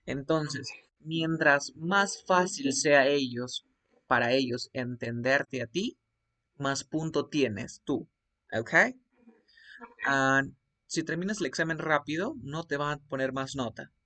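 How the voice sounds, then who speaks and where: A Spanish-speaking man with a fairly high voice teaches an online class over a computer mic. He explains each point patiently and keeps checking that the student is following. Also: slow, pushed and bright. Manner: explains step by step, often checks with "¿ok?". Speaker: English teacher. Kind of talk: online class with screen share.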